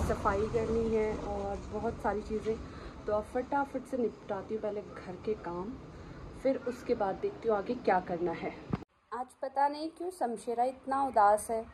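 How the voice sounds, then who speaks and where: A woman chatting casually in a daily vlog about her dogs, sometimes cooing at them in high baby talk. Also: noisy background. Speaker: vlogger and dog owner. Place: home and outdoors on walks.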